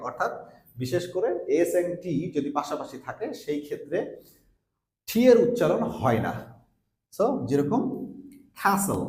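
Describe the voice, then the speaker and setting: Male teacher, lively and slightly high voice, patient step-by-step explainer, echoey room. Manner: explains step by step, repeats example words slowly. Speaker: English teacher. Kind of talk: pronunciation lesson.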